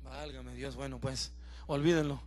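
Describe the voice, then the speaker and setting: A male pastor preaching a sermon to his congregation in church, mixing joking asides with loud, emphatic preaching. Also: mid-range voice, steady tone, a little slow. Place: church service before a congregation.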